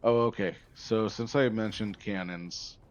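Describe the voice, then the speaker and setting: A man's voice: lowish voice, steady tone, unhurried, muffled recording. A man streaming a survival game, chatting casually and rambling, easily sidetracked while talking to a viewer. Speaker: gaming streamer. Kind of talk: casual livestream chat.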